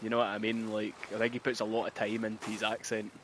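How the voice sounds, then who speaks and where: A man's voice: fairly low pitch, monotone, fast. A man chatting casually while playing a game, rambling and dropping "you know what I mean" into every thought, talking through a gaming headset. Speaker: gamer chatting during play. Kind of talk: casual chat. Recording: noisy headset chat recording.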